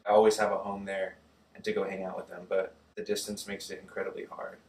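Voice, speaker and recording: A young adult man from Germany, a native German speaker, casually recounts his life story in an interview, relaxed and full of fillers like "like" and "uh." He speaks fast in a low voice, sitting far from the mic in a roomy-sounding space.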